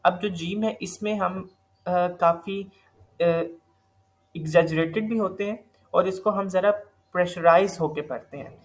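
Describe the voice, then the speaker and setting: A man teaching Quran recitation in a recorded online lesson, explaining patiently step by step with a slightly sore throat. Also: sits high. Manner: patient step-by-step explaining, mixing in English terms.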